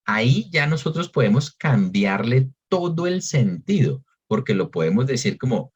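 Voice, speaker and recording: A man's voice: medium pitch, sing-song, moderate pace, breathy edge, dull audio. A man with a Colombian Spanish accent presenting an online webinar lesson, explaining as he goes with frequent fillers and rephrasing. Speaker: webinar presenter on English exams.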